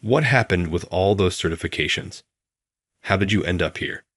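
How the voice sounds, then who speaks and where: A man voicing a kind, humble older woman who speaks softly in a story. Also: low-pitched, normal speed, slightly rough, no room sound, clean studio sound. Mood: gentle. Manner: soft, gentle speech.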